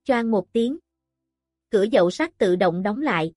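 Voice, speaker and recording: A woman narrating a martial arts story in a measured, dramatic reading. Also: mid-range voice, lively intonation, darkish tone, dry recording. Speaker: audiobook narrator. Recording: dry close recording with faint music.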